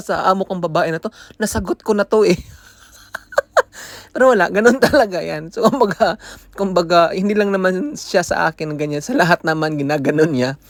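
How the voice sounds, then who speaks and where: With a high-pitched voice on a dry recording, a Filipino man shares a casual vlog story. He's talkative, goes back and forth between Tagalog and English, and laughs frequently.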